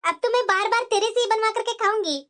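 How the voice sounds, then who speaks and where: A woman's voice: very high voice, fast talker, fairly bright tone. A woman voicing a scheming, bossy mother-in-law in a cartoon, scolding and nagging her daughter-in-law. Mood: praising. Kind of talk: cartoon voice acting.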